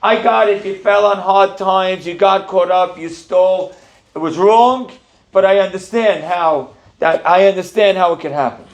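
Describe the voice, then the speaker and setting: A man, a rabbi, giving an animated sermon that teaches through questions. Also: high voice, normal speed.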